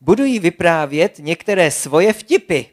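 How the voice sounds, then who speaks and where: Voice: mid-range voice, big pitch swings, lightly acted. A storyteller voicing a playful female otter who keeps telling jokes and giggling at them, in a children's storybook reading. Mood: giddy. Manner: giggly, eager joke-teller.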